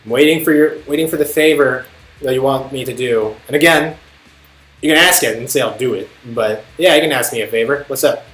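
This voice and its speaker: A man's voice: mid-range voice, brisk, a bit bright. A young man chatting casually on a live stream, telling a rambling, profane story as a tutor. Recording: faint music behind. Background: faint music.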